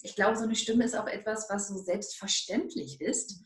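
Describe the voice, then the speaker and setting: A woman's voice: medium pitch, steady tone, normal speed. A woman hosting an interview about coaching, chatty and reflective, in casual conversation. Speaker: coaching podcast host. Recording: echoey room.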